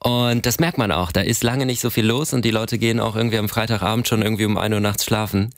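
A man's voice: on the low side, steady tone, fast, dry recording. A young man from Germany, a conductor, chatting casually as an interview guest and hesitating with many fillers. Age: young adult.

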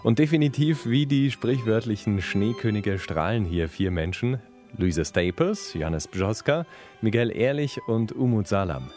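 A man's voice: fairly low pitch, expressive, unhurried, darkish tone, soft background music. A man interviewing musicians in a friendly, conversational broadcast style.

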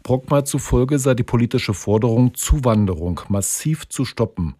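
A man reading a scripted radio news report in an even reading style. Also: medium pitch, normal speed, no room sound, clean studio sound.

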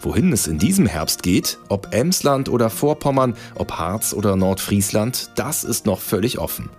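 Brief: male reporter, low voice with lively melody, music bed under. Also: normal speed. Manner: upbeat, lively narration. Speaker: culture reporter. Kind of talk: scripted radio feature narration.

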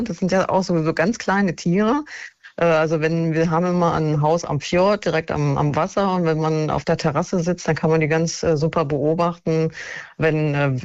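A woman's voice: low voice, darkish tone, no echo, muffled recording. A woman from northern Germany calling in to a radio show, talking hesitantly with lots of fillers and easy laughter. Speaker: radio caller. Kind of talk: radio phone-in chat.

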